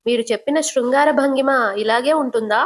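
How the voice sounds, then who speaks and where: A woman's voice: sits high, a little fast. A woman voicing an outspoken young daughter-in-law in a retold TV serial, earnest and insistent.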